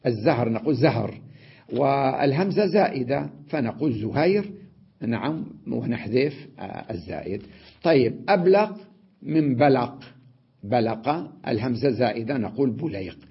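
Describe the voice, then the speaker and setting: A man teaching an Arabic grammar lesson, explaining step by step, checking in with his students and pausing on drawn-out fillers. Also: medium pitch, gravelly, slightly rough. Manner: explains step by step, often asks "تمام؟" and adds "نعم"; drawn-out "آه" fillers between points. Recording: dull lo-fi lesson recording.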